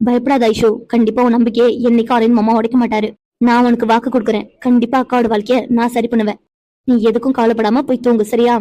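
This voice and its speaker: A woman's voice: fairly high pitch, little pitch movement, fast, mellow, no room sound, lightly acted, poor audio. A woman voicing a bashful young cartoon wife. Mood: reassuring. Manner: flustered, stammering when teased. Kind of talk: Tamil cartoon voice acting.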